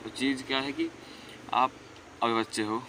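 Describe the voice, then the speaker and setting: A man's voice: medium pitch, steady tone, moderate pace, background noise. A teenage boy giving earnest, rambling self-improvement advice in a casual monologue. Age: teens. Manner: earnest, rambling, repeats himself.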